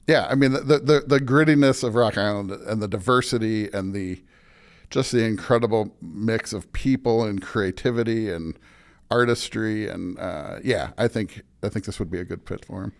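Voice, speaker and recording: A pastor from America, appearing as a podcast guest, talks casually and thoughtfully in an interview, searching for his words. His voice is lowish, and he keeps a moderate pace.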